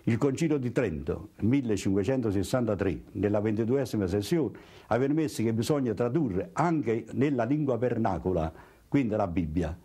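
A man's voice: fairly low pitch, warm tone, husky. An older man with a Neapolitan accent, a priest answering in an interview. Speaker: priest and Bible translator. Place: indoor room, seated interview.

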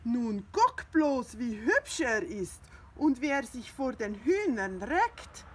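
A woman voicing a kindly, patient old farmer, speaking in a calm, soothing way while reading a storybook aloud. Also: on the high side, slow, very noisy.

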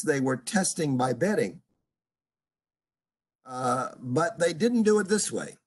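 Over a video call from a room at home, an older man teaches an online seminar as a professor. He speaks haltingly, filling his speech with lots of "uh"s, and frequently pauses to ask his students questions. His pitch is medium, and the audio comes through a computer mic.

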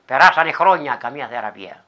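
Μια γυναίκα από τη Ρόδο με ροδίτικη προφορά αφηγείται παραδοσιακό παραμύθι με ομοιοκαταληξίες και δραματικές εναλλαγές έντασης. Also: female voice, a bass voice, lively intonation, sharp tone. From Laerma, Rhodes. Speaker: folk storyteller. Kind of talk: traditional folk tale telling.

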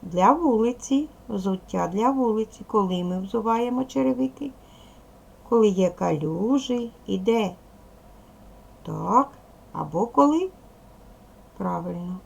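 A woman teaching a video language lesson to young children, patient and slow, asking questions and waiting for answers. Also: medium pitch, animated, gravelly, slightly rough, highs cut off. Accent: Ukrainian. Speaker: primary school teacher.

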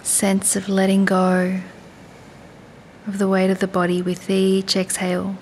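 This is a guided body scan from a female yoga and meditation teacher, delivered slowly and calmly in a soothing voice with long pauses, over a faint low rumbling noise.

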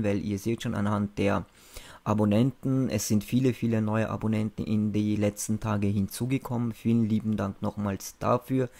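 A man's voice: lowish voice, vocal fry, dark tone. A young man narrating a screencast in a casual, informal and matter-of-fact way, as the host of a video channel.

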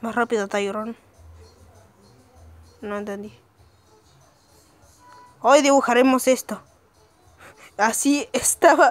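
A young woman hosting a meme reaction video, excitable and breaking into shouted, swearing rants. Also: sits high, dry recording.

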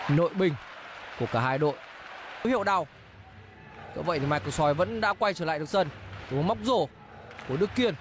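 A man with a high, bright voice calls a basketball game play by play, rattling off names and baskets. His voice rides over loud, clear arena noise from the court behind him. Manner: rapid play-by-play calling players and scores. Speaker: basketball commentator. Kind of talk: live play-by-play commentary.

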